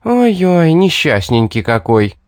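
A man's voice: mid-range voice, very animated, moderate pace, darkish tone, no room sound, studio quality, natural voice. A man voicing a sly, predatory young woman who is part beast, purring and mocking in a storybook reading.

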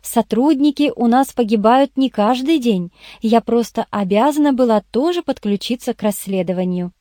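A woman's voice: on the high side, normal speed, mellow, dry recording, clean studio sound, close to an everyday voice. A woman voicing a young female detective's assistant who purrs and pleads in a coaxing way in an audiobook. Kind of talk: audiobook character voice.

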